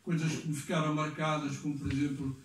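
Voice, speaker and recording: An older man giving a rambling, halting speech at a gathering, reminiscing as a former museum director. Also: on the high side, flat delivery. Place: hall of a cultural society. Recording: echoey room, mic far off.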